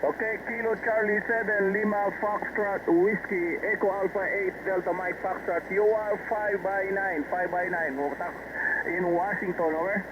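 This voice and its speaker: A man on a ham radio call, slowly reading back call signs and a signal report and signing off with "over". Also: high voice, flat delivery. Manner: slow, careful signal report with a repeated "over". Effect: ham radio call heard over a shortwave receiver. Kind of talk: terse radio call-sign exchange. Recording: noisy, muffled shortwave radio signal.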